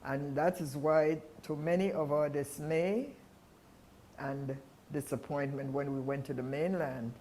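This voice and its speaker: A man with a fairly high voice reminisces very slowly and with deliberate emphasis. The room is echoey, with faint noise behind him. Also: fairly even intonation, a little mellow. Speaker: teacher. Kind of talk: reflective personal reminiscence. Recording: roomy echo, faint background noise.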